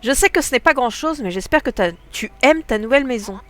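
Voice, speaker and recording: A woman's voice: a little high, expressive, a little fast, a bit bright, pitched above the performer's own voice. A woman with a stuffy nose voicing an upbeat, encouraging female game villager, reading the lines aloud.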